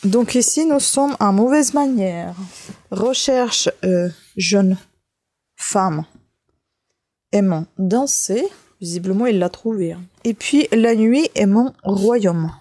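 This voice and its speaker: A woman with a soft, mellow tone keeps up an easy running commentary as she goes through a pile of books. She talks to her viewers casually and thinks out loud, dropping frequent little asides at the ends of her sentences. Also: medium pitch, slow pace. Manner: chatty, thinking aloud while handling items, frequent "hein". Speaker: vlogger sorting books from bulky-item collection.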